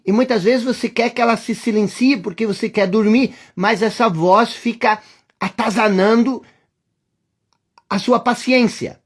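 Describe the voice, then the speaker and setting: In a slightly rough, medium-pitched voice, a Brazilian-accented course teacher delivers a reflective lesson aimed straight at the listener. Rhetorical questions come up again and again, and the voice occasionally sinks to a hush.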